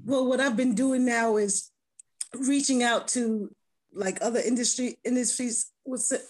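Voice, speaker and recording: A woman music producer talking casually in an interview, her voice slightly hoarse, earnest and full of restarts. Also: on the high side, steady tone, measured pace, a little mellow. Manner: rambling, self-correcting, earnest.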